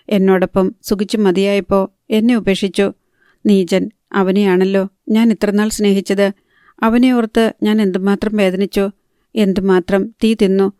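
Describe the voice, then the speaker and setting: A woman's voice: medium pitch, warm tone, clean tone, no echo, studio quality, natural voice. Heartbroken bitter young woman, read by a narrator.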